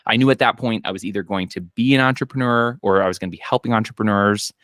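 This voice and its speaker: A low-voiced man from Minnesota, an accountant who owns a business, tells stories at a quick pace on a casual podcast, relaxed and heavy on fillers and quoted asides. He joins by video call from his home office, and the sound is clean and studio-like with no room sound.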